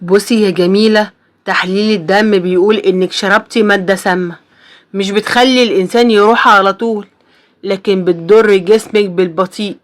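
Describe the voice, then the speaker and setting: A woman's voice: mid-range voice, steady tone, brisk, close to an everyday voice. A woman voicing a tender worried young husband. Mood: earnest. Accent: Egyptian Arabic. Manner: tender, pleading, says darling often. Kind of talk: storybook voice acting.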